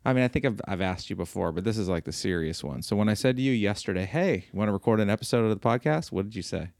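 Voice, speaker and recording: A man's voice: fairly low pitch, animated, fast, creaky, a little mellow, no echo, studio quality. A man in his forties hosting a casual podcast at home, rambling and correcting himself as he teases his wife. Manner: rambling, self-correcting, teasing. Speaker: podcast host. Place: living room floor at home.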